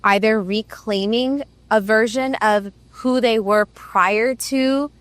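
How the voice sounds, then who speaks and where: A podcast host raised in the Middle East muses thoughtfully in a reflective conversation, sprinkling in many "right"s and "like"s. Her voice is fairly high and a bit bright, she takes it slowly, and there is no room sound.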